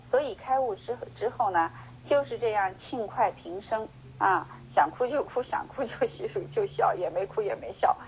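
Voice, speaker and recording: A woman teaching a Buddhist sutra lecture, telling the story with lively acted-out dialogue and many drawn-out sentence-final particles. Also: mid-range voice, a little hiss or hum, poor audio. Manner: slow measured chanting when reading scripture.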